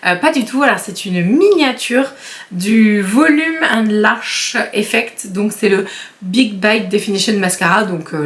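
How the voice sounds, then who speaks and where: A woman chatting casually as a beauty vlogger, animated and laughing often while she unboxes products. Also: mid-range voice. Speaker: beauty YouTuber.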